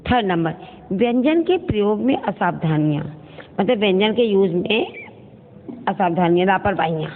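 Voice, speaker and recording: A woman's voice: mid-range voice, lively intonation. Woman teacher, tinny echoey recording. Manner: slow, careful, repeats each word to contrast wrong and right forms; addresses pupils fondly as children. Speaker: school teacher. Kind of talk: recorded online grammar lesson for children. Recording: tinny phone-like audio with long reverb and faint noise.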